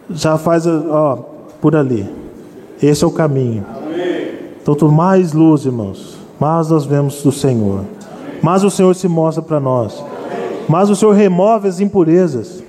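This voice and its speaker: A man's voice: a little high, expressive, measured pace, pauses often, dark tone. A man preaching an earnest sermon, constantly turning to address his congregation as brothers. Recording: long hall reverb.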